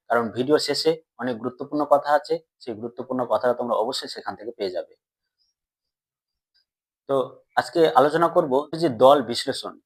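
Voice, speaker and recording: A man teaching a grammar lesson to students. He asks them questions and answers them himself, and he stretches out words slowly syllable by syllable. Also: mid-range voice, slightly rough. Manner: drawn-out slow syllable-by-syllable pronunciation.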